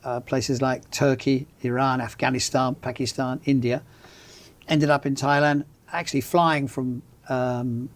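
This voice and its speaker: A man's voice: medium pitch, little pitch movement, a little slow. An older man with an English accent, a journalist guest in a studio interview, telling stories in a genial, dryly humorous way. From England. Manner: genial storyteller, dry humor. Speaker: guest, magazine founder and journalist. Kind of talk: casual interview chat.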